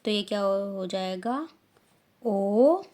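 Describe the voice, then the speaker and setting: An Indian woman with an Indian accent and a mid-range voice teaches a beginner language lesson. She says each word slowly and loudly, then repeats it.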